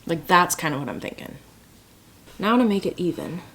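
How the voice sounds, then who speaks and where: Young woman vlogger doing makeup, chatty, kinda dramatic, pokes fun at herself, lowish voice. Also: sing-song, normal speed, fairly bright tone. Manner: chatty, dramatic, self-mocking. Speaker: beauty vlogger. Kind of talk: casual chat while doing makeup.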